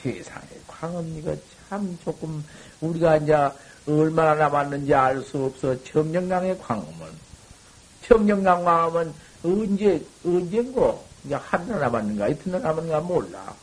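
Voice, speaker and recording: A man giving a dharma talk to monks, folksy and colloquial, swinging from loud exhortation to low murmurs. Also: lively intonation, normal speed, slightly rough, rough recording. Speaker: Buddhist monk teaching.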